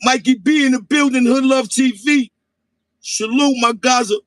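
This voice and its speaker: A man in a casual livestream chat, taunting in an animated, sing-song way. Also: very high-pitched, moderate pace, dry recording. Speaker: podcast guest. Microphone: phone livestream.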